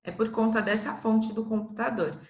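A woman with a Brazilian Portuguese accent teaching a slow, patient literacy lesson to first graders, stretching out syllables. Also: fairly high pitch, steady tone, a little mellow, echoey room.

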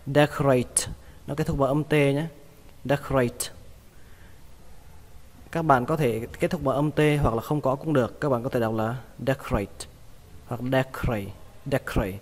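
A man teaching English vocabulary, repeating each word slowly and patiently. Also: medium pitch, fairly even intonation, big-room sound. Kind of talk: vocabulary lesson.

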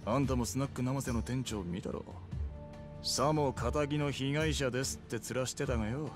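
A man playing a brusque, wary enforcer in a video game drama, talking in rough yakuza-style street speech. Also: mid-range voice, normal speed, over music, lightly acted. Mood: gruff, dismissive.

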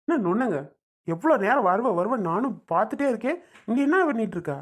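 A woman's voice: a little high, sing-song, fast, slightly rough. A woman playing a domineering village husband who scolds harshly, in a homemade comedy skit. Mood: scolding.

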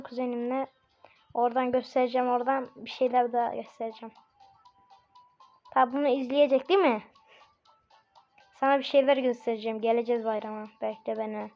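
A woman hosting casual gameplay commentary, chatty and bursting into excited shouts at the game. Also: a little high. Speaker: gaming channel host. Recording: muffled lo-fi recording with faint game music.

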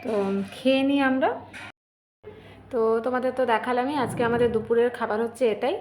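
A woman's voice: a little high, steady tone, a little fast, darkish tone. A young woman chatting casually in a home vlog, talking straight to her viewers. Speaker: vlogger.

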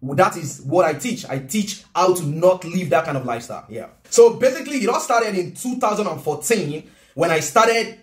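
Speaking at normal speed in a high-pitched voice, a man in his thirties with a Nigerian accent, who works as a vlogger and business coach, chats earnestly and casually to camera in his home kitchen. He's animated and gestures constantly, and the room echo is noticeable.

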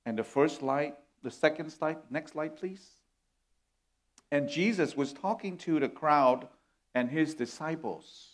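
A man's voice: a little high, a little slow. A middle-aged man from Vietnam, preaching an earnest sermon as a guest speaker on a church stage. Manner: earnest, warm, gesturing as he preaches.

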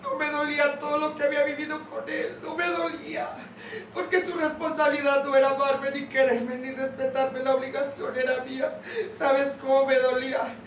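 A woman's voice: high-pitched, little pitch movement, normal speed, far from the mic. A woman giving a raw, profane personal testimony from a podium at a group meeting, cursing in a repeated refrain. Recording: echoey hall, voice from off-mic, noisy.

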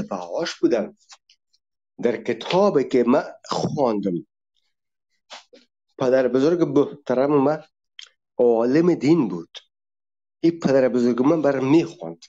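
A man speaks in a fairly high but mellow voice as he delivers an emphatic, impassioned monologue. He speaks straight to his listeners and goes through verses one at a time. The recording is dull and lo-fi. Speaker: religion critic.

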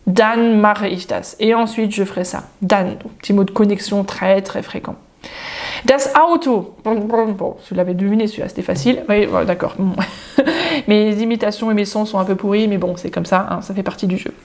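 A woman giving a casual, spontaneous spoken lesson, chatting informally with the viewer and slowing down to say German example phrases. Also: medium pitch, fairly even intonation, a little mellow. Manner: addresses the viewer informally, jokes. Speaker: German teacher.

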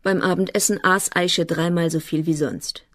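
A woman narrating a literary novel as an audiobook in a calm, measured way. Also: on the low side, no room sound, studio quality.

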